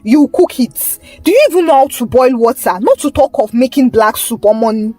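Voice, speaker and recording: A woman doing a tired husband who has lost his patience. He scolds loudly and pushes his voice up high, with lively swings in pitch. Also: moderate pace, no echo, soft background music. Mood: scornful. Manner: scolding, raised voice. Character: angry tired husband, adult man.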